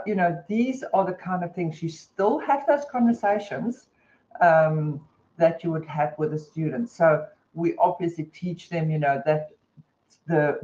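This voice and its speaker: A woman's voice: sits low, a little mellow. A woman with a New Zealand accent presents a teaching webinar in a chatty, conversational way, with many fillers. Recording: dull lo-fi webinar audio.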